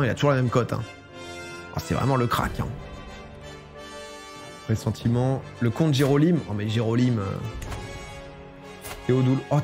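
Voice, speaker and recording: A man talks his way through a strategy game in a loose, chatty let's-play style, reading game text aloud and bantering with the characters. His voice sits at an ordinary middle pitch. Faint music plays quietly behind him. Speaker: gaming streamer. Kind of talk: casual let's-play commentary.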